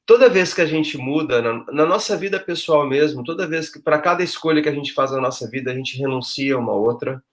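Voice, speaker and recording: Man guest, emphatic, animated with quotes. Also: a little high, brisk, few pauses. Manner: emphatic, acts out quoted thoughts. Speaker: guest, social project leader. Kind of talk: conversational discussion.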